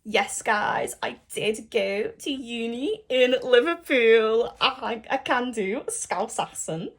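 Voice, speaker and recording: A young woman doing casual reaction commentary on a reality show, expressive and sassy, often exclaiming in disbelief. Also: on the high side, slow pace. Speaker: reality TV recapper.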